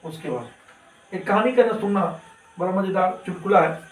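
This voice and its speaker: A man, a chemistry teacher telling his class a joke in an animated way. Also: high voice, moderate pace, slight background noise. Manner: animated, addresses students as beta. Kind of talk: classroom storytelling, joking. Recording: echoey classroom from far off.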